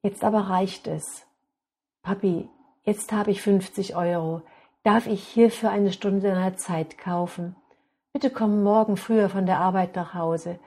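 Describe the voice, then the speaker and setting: A woman's voice: mid-range voice, steady tone, unhurried, warm tone. A woman reading out a small boy who earnestly begs his father.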